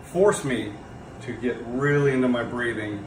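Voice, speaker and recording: A man with a mid-pitched voice talks casually, as if sharing his own experience. The garage around him is echoey, and background noise is clearly heard. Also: a little slow. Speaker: ice bath practitioner. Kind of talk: casual conversational testimony.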